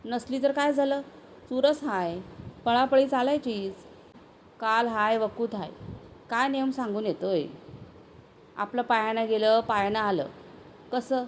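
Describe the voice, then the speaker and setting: Woman doing cocky young village man, brash, boastful, rural dialect, highish voice. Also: measured pace, long pauses, a little hiss or hum, natural voice.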